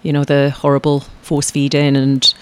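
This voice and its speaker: In a conversational interview, a woman performer speaks as a guest at a normal speed, her low voice completely flat. Her chatty talk rambles, with frequent tag questions and sentence restarts.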